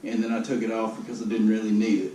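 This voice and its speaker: A man's voice: lowish voice, monotone, quick pace, warm tone. A man giving a casual video update in a downbeat, resigned, matter-of-fact way. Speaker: vlogger giving a personal health update. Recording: roomy, noisy, distant camera microphone.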